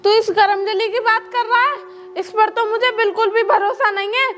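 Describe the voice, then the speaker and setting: A man playing a shrill nagging mother-in-law. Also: fairly even intonation, moderate pace, pushed and bright. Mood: accusing. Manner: shrill, nagging, fake crying. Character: scheming, melodramatic old mother-in-law woman. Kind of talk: amateur Hindi family drama.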